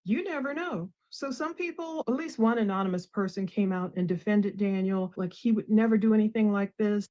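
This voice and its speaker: A woman's voice: medium pitch, fairly quick, few pauses, mellow, highs cut off. American woman giving true crime commentary. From United States. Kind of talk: case commentary to an audience.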